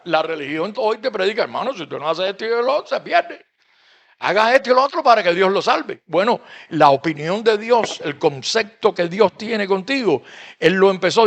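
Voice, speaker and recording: A man's voice: high-pitched, a bit bright. A man pastor preaching a sermon in a conversational way, reading Bible verses and explaining them.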